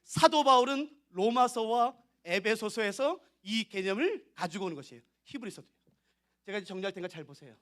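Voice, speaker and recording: A man's voice: high voice, expressive, brisk, fairly bright tone. A man preaching at a revival service in a church, emphatic and direct with the congregation, often acting out little dialogues. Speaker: pastor. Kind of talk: revival sermon. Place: church sanctuary.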